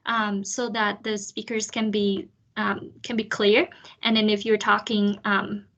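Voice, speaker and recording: A woman's voice: on the high side, bright, forceful tone. A woman hosting an online student panel, explaining things chattily with many fillers. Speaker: panel facilitator. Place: video call.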